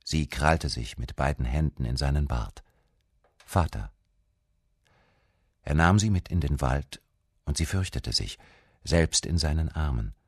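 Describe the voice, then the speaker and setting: A man reading a novel's prologue aloud as a voice-over translator, in a measured, calm way. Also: rumbling low, slightly rough, no echo, clean studio sound.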